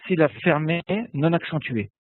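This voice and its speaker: A man's voice: a little high, normal speed, dry recording. Man teaching over a tinny call. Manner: patient, repeats words and asks "d'accord?" often. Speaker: Biblical Hebrew teacher. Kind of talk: online lesson, explaining and correcting reading. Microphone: online call. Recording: tinny webinar audio, phone-like.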